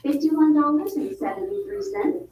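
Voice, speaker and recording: A woman making an upbeat school announcement over the intercom, heard through a classroom loudspeaker. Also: high-pitched, big pitch swings, normal speed. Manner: upbeat, cheering on the winners. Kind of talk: public announcement of fundraiser results. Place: classroom hearing an intercom speaker. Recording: echoey distant intercom with faint hiss.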